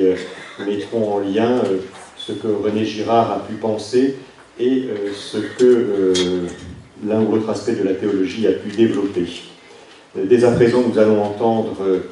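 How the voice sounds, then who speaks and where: Low, mellow man in a very echoey room. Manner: halting, hesitant, repeats words, courteous formal phrasing. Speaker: session chair, faculty dean. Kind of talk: formal spoken introduction. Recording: very echoey room, distant mic, faint noise.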